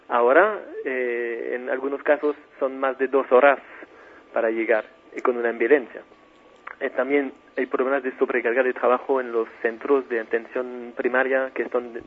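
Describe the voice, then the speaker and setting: A man being interviewed as an aid mission administrator, speaking haltingly with many fillers and restarts. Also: medium pitch. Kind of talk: phone interview. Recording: tinny phone line with faint hiss.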